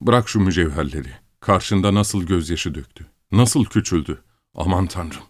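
A man's voice: low voice, expressive, normal speed. A man voicing an anguished, remorseful husband who groans bitterly, in an audiobook story.

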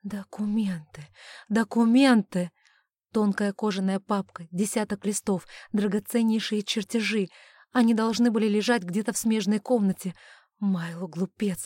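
A woman's voice: medium pitch, fairly even intonation, moderate pace, mellow, no room sound, studio quality. A woman narrating a first-person fantasy audiobook in tense, clipped phrases.

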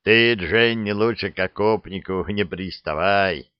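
A man's voice: lowish voice, unhurried, smooth, dry recording, close to an everyday voice. A man voicing a cocky, flirty male soldier who talks in swaggering slang. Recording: dull dry recording.

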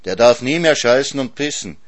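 A man's voice: mid-range voice, lively intonation, moderate pace, no room sound, pitched above the performer's own voice, lightly acted. A man reading a story voices a sly hare who teases and tricks a hyena. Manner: teasing, smug, sly.

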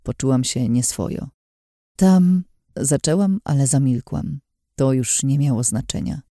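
A woman narrating a first-person fantasy audiobook in a measured, calm reading, on a close studio mic. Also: very deep voice, no echo.

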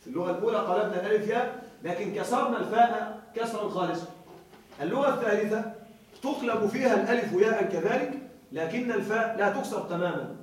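A man teaching a grammar class, explaining slowly, repeating key words and checking that students follow. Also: sits high. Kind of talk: classroom lecture. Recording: very echoey room, voice far from mic.

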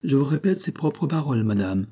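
A man's voice: medium pitch, animated, brisk, mellow, breathy edge, voice pushed up. Man reading as a grave, formal nobleman. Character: grave loyal nobleman, a count.

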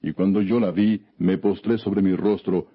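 A man with a deep, somewhat raspy voice narrates scripture. His reading is scripted, measured and solemn throughout. The recording sounds dull and lo-fi. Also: steady tone. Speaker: Bible narrator. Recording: dull, lo-fi audio.

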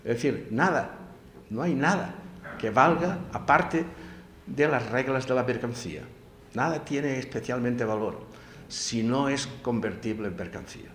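A man gives a public lecture at a library event in an emphatic style, sprinkling his talk with tag questions. His mid-range voice is unhurried and a bit bright. The room is very echoey, with faint background noise.

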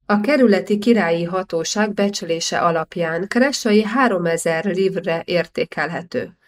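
A woman's voice: fairly low pitch, lightly acted. A woman reading the grudging lines of a shifty, flustered male tax official. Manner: grudging, sheepish.

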